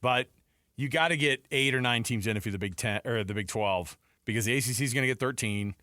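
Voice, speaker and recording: This man, a sports radio host, talks fast in a medium-pitched, sharp-toned voice with no room sound. He hosts a casual sports show from a radio studio on a close studio microphone, sounding conversational, emphatic, and exclamatory.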